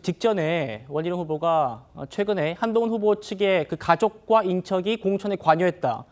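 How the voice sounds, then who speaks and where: Male TV host, high pitch, crisp lead-ins to clips and guests. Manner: brief introductions and prompts to guests. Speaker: show host. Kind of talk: broadcast talk show hosting.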